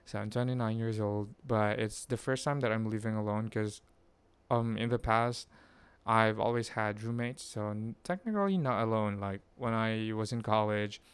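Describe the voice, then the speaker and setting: In a rambling personal chat to camera, a twenty-something vlogger from the Philippines gives an update full of pauses, fillers, and self-corrections. His voice sits a little low and sounds very clean, clear, and resonant. It was recorded close and dry, without echo or room sound.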